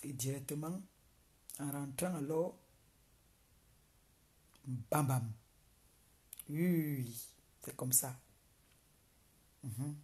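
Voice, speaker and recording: A woman's voice: extremely low pitch, drawn-out words, pauses often, mellow. A woman on a live video, taunting someone she dislikes and repeating insults over and over. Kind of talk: mocking live-video rant.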